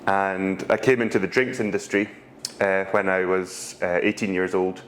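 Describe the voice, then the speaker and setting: A Scottish whisky brand ambassador, low-voiced, answers casual interview questions as a guest, telling stories in a relaxed way full of ums and pauses. There's slight background noise.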